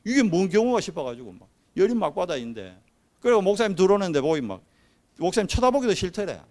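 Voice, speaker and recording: A male pastor with a Gyeongsang accent, preaching a sermon as an animated story and acting out the people in it. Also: sits high, fast talker. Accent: Gyeongsang Korean.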